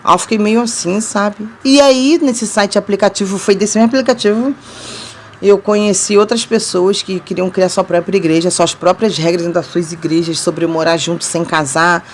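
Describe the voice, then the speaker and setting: A woman's voice: mid-range voice, steady tone, moderate pace, a little hiss or hum. A woman from Rio de Janeiro in Brazil with a Rio accent, telling her love story to viewers in a casual, chatty way and often laughing between sentences. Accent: Rio de Janeiro Brazilian Portuguese.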